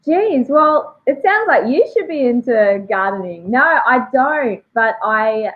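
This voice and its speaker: A woman's voice: on the high side, expressive, slow. A woman in her thirties with a broad Australian accent, chatting casually and jokily as an interview guest over a video call. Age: 30s. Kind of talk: casual chat. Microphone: remote video call. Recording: thin, phone-like call audio.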